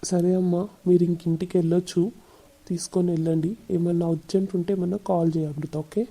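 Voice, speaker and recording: A gentle female doctor in a cartoon, played by a woman. She reassures people with a low, dark, gravelly voice. Her manner stays calm and kind. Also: fast.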